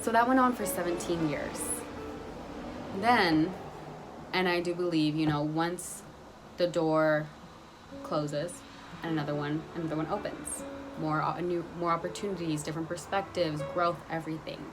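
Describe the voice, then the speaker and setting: Young woman vlogging her story, pretty low voice, kinda rambly, keeps restarting, guitar playing behind her. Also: steady tone, normal speed. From Guatemala, raised in Utah. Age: young adult. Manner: earnest, rambling with many restarts. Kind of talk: personal storytelling vlog.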